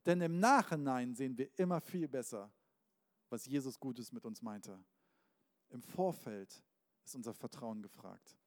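A man's voice: medium pitch, measured pace. Earnest male preacher in an echoing hall. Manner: earnest, direct address to the listener. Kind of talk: sermon with storytelling. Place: large church hall with a live band. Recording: long hall reverb, faint band music.

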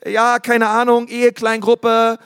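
A man delivers a sermon in a casual, energetic way, scattering fillers and English words. His voice sits high for a man. The church hall adds a long, ringing reverb. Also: unhurried, smooth. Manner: lively preaching, mimics congregants in put-on voices; casual, many fillers and anglicisms. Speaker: pastor.

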